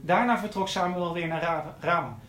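High-voiced preacher in an echoey church. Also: male voice, normal speed, a bit bright. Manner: earnest, repeats key phrases for emphasis. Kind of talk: sermon.

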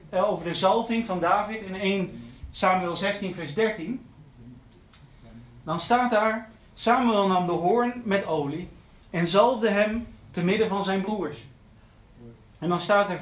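This earnest sermon comes from a preacher whose voice is pitched high for a man. He keeps looping back to repeat his key phrases, and the recording carries the reverberation of a large church.

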